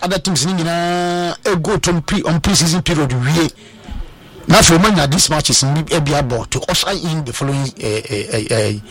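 A man with a Ghanaian English accent talks football analysis on a sports show, his voice on the high side and a bit bright at normal speed. He hesitates a lot, restarting and using fillers, and code-switches into Twi.

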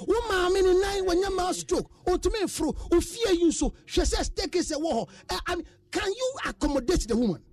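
A Ghanaian man, a panelist called counselor, speaking loudly in a heated panel debate, mixing English with Twi. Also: very high-pitched, lively intonation, brisk, hardly any pauses, distant mic. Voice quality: loud, mixes English with Twi.

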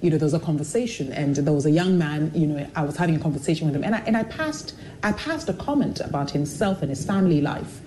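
Fast and with hardly any pauses, a low-voiced TV personality talks candidly in an interview meant to motivate. She's an animated, expressive storyteller who voices the characters she quotes. A little hiss or hum can be heard.

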